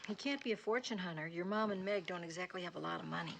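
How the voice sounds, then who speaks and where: An actress playing a teasing, affectionate young wife in a 1970s TV crime drama. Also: female voice, fairly low pitch, fast talker, vocal fry, heavy background noise.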